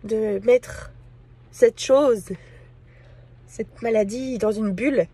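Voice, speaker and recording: A woman from France talking casually to camera in a personal vlog, hesitant and full of pauses and fillers. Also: a little high, dark tone, breathy edge. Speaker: vlogger.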